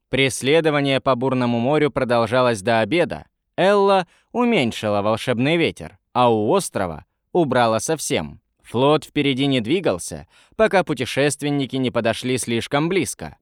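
A man narrating a fantasy audiobook in an even storytelling manner. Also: mid-range voice, dry recording, studio quality.

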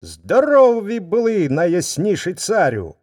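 A man's voice: sits high, huge pitch swings, measured pace, darkish tone, pitched above the performer's own voice, exaggerated voice. A man doing an eager, fawning wolf. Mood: eager, curious. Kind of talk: folk tale reading.

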